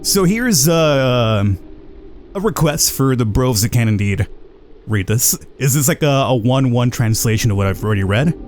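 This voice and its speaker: A man's voice: medium pitch, animated, normal speed, a little hiss or hum. A man hosting a gaming video with casual, slangy, laid-back commentary, sometimes reading on-screen text aloud.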